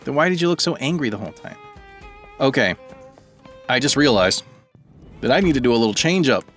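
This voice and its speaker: A man's voice: mid-range voice, sing-song, brisk, fairly bright tone, faint music behind. A man giving casual let's-play commentary, thinking aloud and rambling as he plays. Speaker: gaming video creator.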